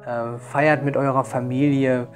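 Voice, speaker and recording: A man reading a Christmas story aloud, calm storytelling with hesitant fillers when he talks freely. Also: medium pitch, unhurried, soft background music.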